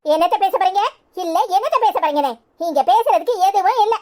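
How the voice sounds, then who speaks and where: A woman voicing a sharp-tongued, resentful young wife in a cartoon, with a Tirunelveli Tamil accent and quick cutting complaints. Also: very high-pitched, expressive. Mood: bitter. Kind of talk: cartoon voice acting.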